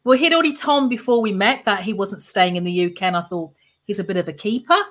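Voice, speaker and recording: A woman's voice: mid-range voice, fast talker, fairly bright tone. A woman in her fifties with a Birmingham accent, hosting her podcast and talking about her own career in a self-assured way. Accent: Birmingham English. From Birmingham, England. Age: 50s. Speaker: podcast host and career strategist. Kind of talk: podcast intro and conversational interview.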